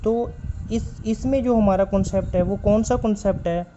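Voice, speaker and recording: A man's voice: high voice, normal speed, mellow, a little hiss or hum. A man teaching a stenography class. He explains patiently, repeats key points and spells out letters as he writes. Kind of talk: step-by-step spoken lesson while writing. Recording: dull lo-fi recording.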